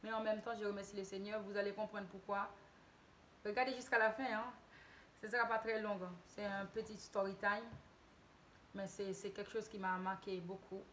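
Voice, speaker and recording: A woman from Haiti shares a casual story-time tale with her viewers in a mid-pitched voice. She talks hesitantly, often restarting words and correcting herself. A faint hiss runs under the recording. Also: little pitch movement, normal speed, fairly bright tone. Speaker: YouTuber telling a story.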